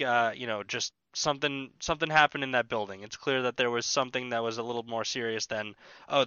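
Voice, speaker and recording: A man's voice: medium pitch, bright, forceful tone, clear, resonant tone, no echo, muffled recording. A man co-hosting a hockey podcast in casual chat, thinking aloud as he talks. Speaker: podcast co-host.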